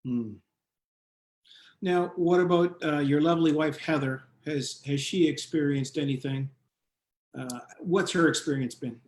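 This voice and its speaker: A man's voice: fairly high pitch, unhurried, darkish tone. A man hosting a panel discussion who puts questions to each guest in turn. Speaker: host. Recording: roomy echo.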